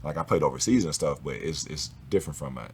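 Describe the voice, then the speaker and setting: A man talking as a guest in a relaxed, casual conversation, slangy and swearing freely. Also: very deep voice, fast, slight background noise. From Los Angeles area.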